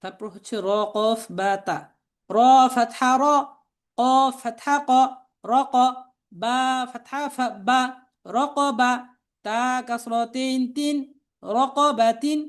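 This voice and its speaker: High-pitched, slow woman teacher drilling syllables. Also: fairly even intonation. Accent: Bangladeshi Bengali. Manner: spells each letter and vowel slowly, repeating syllables four times. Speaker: Quran reading teacher. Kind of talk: slow spelling drill lesson.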